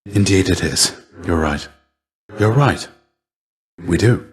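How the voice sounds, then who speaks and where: Warm and humble, a middle-aged man plays a weary, gentle warrior shade and mentor for a video game, using a deep, soft-edged voice. His delivery is measured, courteous, and formal in an old-fashioned way, with lively intonation and slight background noise.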